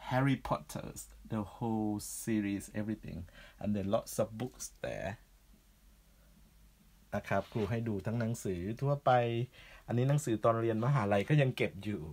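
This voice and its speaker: Slow, patient man teaching reading. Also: on the low side, darkish tone. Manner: reads English slowly and deliberately, then explains each phrase; patient, repeats "นะครับ" often. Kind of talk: bilingual reading lesson for learners.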